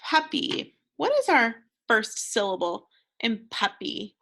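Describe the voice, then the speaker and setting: Her voice a little high and very animated, an American woman guides second graders through phonics. She talks slowly with a bright, crisp tone, encouraging them patiently and waiting for their responses.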